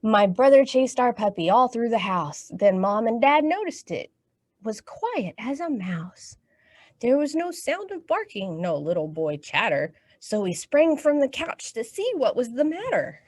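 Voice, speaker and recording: Sing-song and unhurried, a woman with an American accent and a fairly high, darkish voice reads stories and leads action songs for young children, recorded without echo. She addresses the kids directly, encouraging them with questions and praise.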